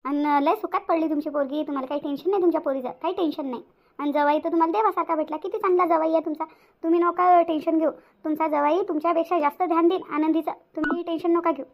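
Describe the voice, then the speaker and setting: A woman's voice: extremely high pitch, fairly even intonation, fast talker. A woman voicing a chatty, bossy older village woman in a cartoon, talking in rustic dialect and often asking "hã?". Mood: coaxing.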